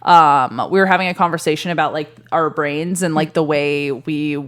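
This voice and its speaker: A woman co-hosting a casual chat podcast, excitable, laughing a lot and swearing casually. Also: low-pitched, moderate pace. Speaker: podcast co-host.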